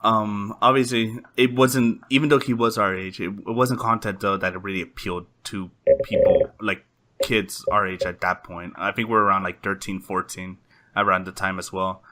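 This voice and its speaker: A man's voice: fairly low pitch, fairly even intonation, normal speed, bright, forceful tone, a little hiss or hum. A young man hosting a casual podcast chat, rambling with lots of "like" and "um". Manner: rambling, heavy use of "like" and "um". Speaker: podcast host.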